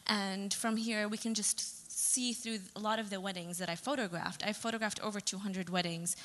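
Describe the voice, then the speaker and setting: Woman, young adult, presentation talk, chatty, fillers and restarts, medium pitch, long hall reverb. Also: fairly even intonation, moderate pace, a bit bright. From Saudi Arabia. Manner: chatty, with fillers and self-corrections. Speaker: photographer giving a talk.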